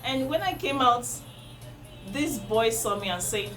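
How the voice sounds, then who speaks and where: A parenting vlogger with a Nigerian accent, a native Igbo speaker, gives earnest advice straight to camera, repeating key points for emphasis. Her voice is a little high, fairly bright and animated, with an unhurried pace. The audio is poor, with music playing underneath.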